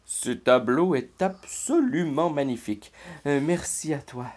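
A man voicing a thoughtful yeti painter in a children's storybook, slow and musing. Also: on the high side, lively intonation, darkish tone, voice pushed up.

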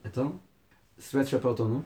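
Young Portuguese-accented man from Europe, animated and sweary in casual debate; rapid delivery, roomy sound. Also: mid-range voice. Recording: echoey room.

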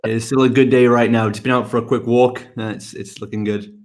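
A middle-aged man from the UK, talking in an upbeat, energetic way as a guest on a podcast interview. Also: medium pitch. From United Kingdom. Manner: energetic, upbeat, quick answers. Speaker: guest, fitness business mentor.

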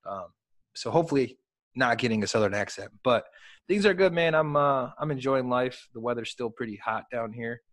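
Young man, Chicago accent, laid-back podcast co-host, dry close mic, average pitch. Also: fairly quick, fairly bright tone, no echo. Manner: loose, swears casually, many fillers. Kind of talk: casual chat.

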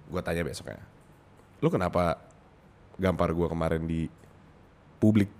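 A man's voice: low voice, measured pace. A young man with Jakarta slang telling gossip in a casual podcast chat, acting out quoted lines and laughing often. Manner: animated storyteller, acts out quotes, laughs often. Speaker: podcast co-host.

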